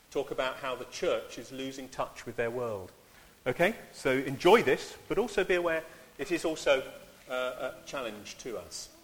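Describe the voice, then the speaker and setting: Hesitant man preaching in a church hall. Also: medium pitch. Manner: hesitant, halting with fillers and restarts. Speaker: minister. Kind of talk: informal sermon.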